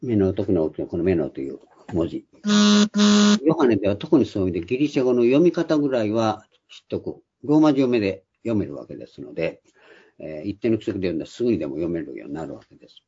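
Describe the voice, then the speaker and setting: A man's voice: sits low, sing-song, fast talker, warm tone, husky. An older man giving a Bible study lecture, explaining patiently with frequent hesitant fillers, in a dull lo-fi recording. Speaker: Bible teacher.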